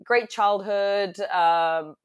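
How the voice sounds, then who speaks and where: A woman's voice: medium pitch, extremely slow, clear, resonant tone. Chatty woman with an American accent. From France. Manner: chatty, with frequent fillers and restarts. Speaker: guest, hospitality business owner. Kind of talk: casual conversational interview.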